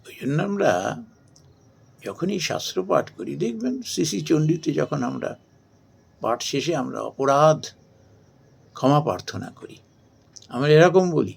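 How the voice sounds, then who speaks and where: Man, devotional talk, gravelly, unhurried. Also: fairly high pitch, expressive. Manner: slow, measured, chants Sanskrit verses. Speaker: spiritual speaker.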